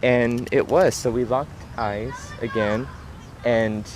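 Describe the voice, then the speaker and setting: A man's voice: mid-range voice, fairly even intonation, slow pace, slight background noise. Earnest young man vlogging outdoors. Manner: earnest, repetitive retelling with many restarts. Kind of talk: walking vlog storytelling. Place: outdoor park near traffic.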